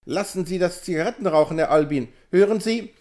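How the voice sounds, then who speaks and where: A man's voice: sits high, normal speed, darkish tone, lightly acted. A man reading an audiobook, voicing a fussy, motherly woman who pleads in a raised, imploring voice. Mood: pleading.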